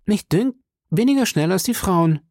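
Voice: mid-range voice, animated, moderate pace, darkish tone, no room sound, voice pushed up, lightly acted. Pompous boastful musketeer, as a reader puts him on. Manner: pompous, self-pitying. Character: vain boastful male musketeer, pompous nobleman. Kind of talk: audiobook character reading.

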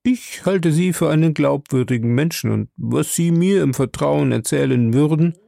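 A man voicing a shrewd, suave investigator who talks in a measured, diplomatic way. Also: a little high, vocal fry, dark tone, no echo, clean studio sound, pitched above the performer's own voice.

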